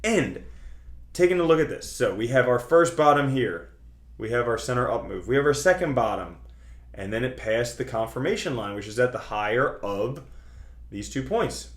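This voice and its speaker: Speaking at a normal speed in an expressive, mid-range voice, the host of a crypto trading video channel talks viewers through things in a conversational, emphatic way. The recording has a roomy, echoing sound.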